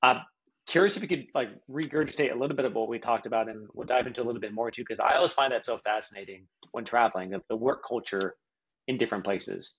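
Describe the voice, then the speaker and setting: A man's voice: medium pitch, quick pace, fairly bright tone, slightly rough, dull audio. A man hosting a podcast, chatting in an upbeat, casual way. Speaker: podcast host. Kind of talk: casual interview.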